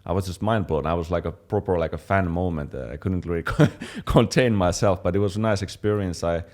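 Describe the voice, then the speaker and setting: Young man from Finland, very deep voice, relaxed casual chat, lots of fillers. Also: brisk. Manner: relaxed, many fillers and restarts. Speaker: fitness channel co-host.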